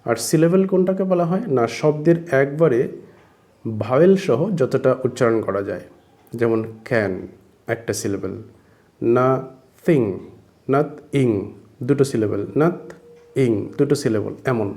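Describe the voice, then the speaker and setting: A man teaching spoken English, explaining grammar slowly and repeating each phrase word by word. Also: mid-range voice, dark tone.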